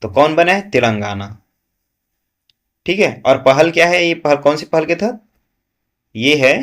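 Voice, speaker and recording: A man's voice: mid-range voice, a bit bright. A man teaching a current affairs lesson for exam students, asking questions and answering them himself, with frequent "है ना" checks.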